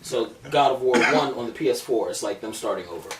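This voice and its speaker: A man in his thirties hosting a casual gaming podcast, talking in a profane, joking, animated way. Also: medium pitch, brisk. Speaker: podcast host. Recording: roomy distant mic with faint noise.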